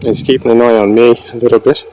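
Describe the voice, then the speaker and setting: A man's voice: medium pitch, flat delivery, fast talker, warm tone, slight background noise, low-quality recording. A man presenting wildlife in an informal, explanatory nature documentary style, speaking to viewers. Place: mostly outdoors in nature.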